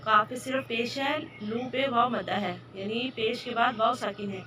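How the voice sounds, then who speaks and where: A woman's voice: on the high side, fairly even intonation, moderate pace, recorded from a distance, a crowd in the background. A woman teaching a Quran recitation lesson, patiently explaining each sound and repeating the right and wrong way to say it. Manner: patient, instructive, repeats correct and wrong pronunciations. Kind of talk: tajweed lesson.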